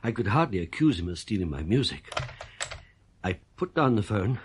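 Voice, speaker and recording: The speaker is an actor in a radio thriller, voicing a composer who is uneasy and suspicious and confides his troubled tale in the first person, in both narration and dialogue. His fairly low voice is very animated at a moderate pace, and there's a little hiss or hum.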